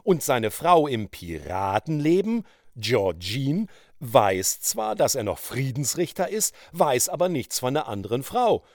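A man narrating a story in a lively, expressive way. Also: mid-range voice, a little slow, no room sound, studio quality.

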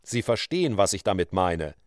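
A suave male outlaw speaks low and unhurried, calm and quietly threatening, as a man puts him on. The sound is dry and close. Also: dry recording. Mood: menacing. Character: smooth menacing male outlaw, coolly persuasive.

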